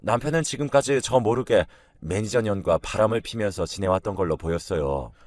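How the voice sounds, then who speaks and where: A man with a fairly low voice reads a first-person story aloud in a calm, measured way. The recording is dry and close, with no room sound. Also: dry recording. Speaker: narrator. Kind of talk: storytelling narration.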